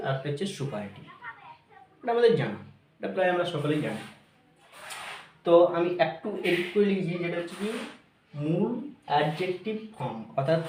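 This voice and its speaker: A man teaching grammar, mixing English phrases into his explanations, repeating each point and checking whether his students are clear. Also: a little high, a little mellow, roomy sound, a little hiss or hum.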